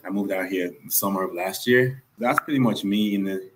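A young Nigerian man appears as a guest on a podcast, earnestly telling his story and repeating points for emphasis. He has a deep voice and speaks a little fast, against a noisy background, in a casual interview setting.

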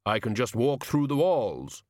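A man doing Death, slow and grave. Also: medium pitch, sing-song, a little mellow, dry recording, studio quality. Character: Death, solemn skeletal male figure.

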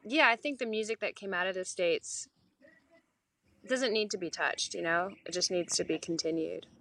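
Young woman from europe chatting on a podcast, bright and dry, rambles a bit. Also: lowish voice, normal speed, no echo. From Europe, born in Italy, raised mostly in Paris. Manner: chatty, candid, long-winded answers. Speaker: guest musician. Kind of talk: casual podcast interview.

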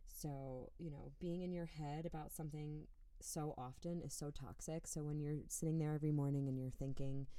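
A woman's voice: low voice, steady tone, moderate pace, warm tone, smooth, no echo. A young woman co-hosting a podcast, talking candidly and swearing freely while a bit tipsy from wine. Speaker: podcast co-host. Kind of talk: casual chat.

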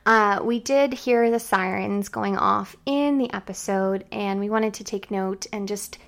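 A young woman from Canada co-hosting a casual chat podcast, relaxed and chatty with lots of fillers. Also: medium pitch, unhurried, vocal fry. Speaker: podcast co-host.

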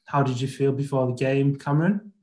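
Male host, average pitch, informal football chat with co-presenters. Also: fairly even intonation, a little fast, dark tone. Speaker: podcast host.

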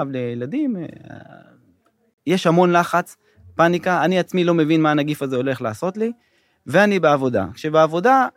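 A man's voice: a little high, no echo. A middle-aged man telling a story as a guest in a studio interview, hesitant and full of fillers. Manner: hesitant, many fillers and restarts. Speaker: guest, government finance official. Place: podcast studio.

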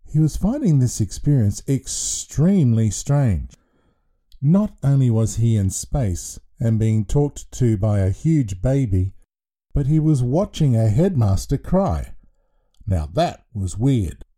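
Husky, dark-voiced man reading a storybook. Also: mid-range voice, slow pace. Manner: expressive, playful reading. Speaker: narrator.

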